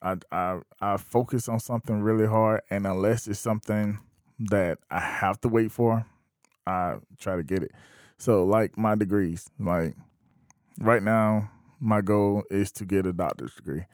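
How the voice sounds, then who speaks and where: A man in his thirties talking casually to camera, thinking aloud with frequent pauses. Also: on the low side, fairly even intonation, no room sound, clean studio sound. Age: 30s. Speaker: vlogger. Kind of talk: casual opinion monologue.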